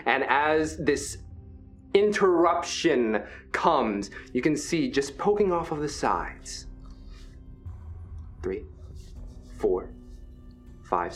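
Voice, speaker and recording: Game master, dramatic narrator, measured pace, animated intonation. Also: medium pitch. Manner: dramatic, suspenseful scene-setting. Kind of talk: narrating a tabletop role-playing game. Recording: music behind the voice.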